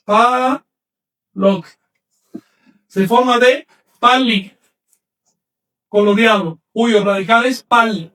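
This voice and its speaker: A man teaching an online class, slowly sounding out words syllable by syllable and correcting common mistakes firmly. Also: high-pitched, a bit bright, far from the mic. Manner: slow, emphatic spelling out of syllables; corrective, insistent.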